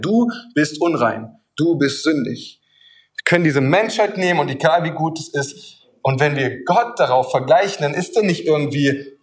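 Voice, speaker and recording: A man preaching a sermon, speaking emphatically and addressing the listener directly with repeated phrases and a vivid illustrative story. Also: a little high.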